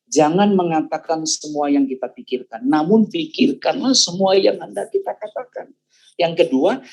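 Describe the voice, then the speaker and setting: An older man, a pastor, giving a sermon testimony and telling a story in a lively way. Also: fairly high pitch, low-quality recording. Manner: animated storytelling, acts out quoted voices.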